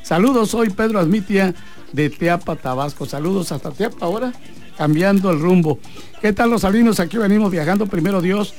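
High-voiced Mexican man on sports radio. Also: fairly quick, a little mellow, soft background music. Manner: chatty, reads messages aloud and adds advice. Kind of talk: radio talk, reading listener messages. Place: radio booth.

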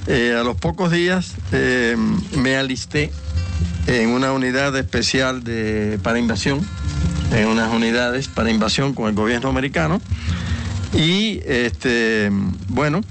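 A man's voice: mid-range voice, a little slow, music in the background. Older Cuban-born man telling his story. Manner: rambling, many fillers and restarts. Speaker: interview guest. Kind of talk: recounting his life story.

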